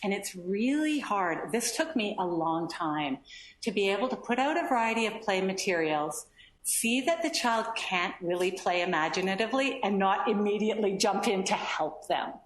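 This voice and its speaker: A woman developmental pediatrician giving a lively lecture to doctors, acting out quoted children and parents. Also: mid-range voice, moderate pace, reverberant, a little hiss or hum. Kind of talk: lecture to physicians.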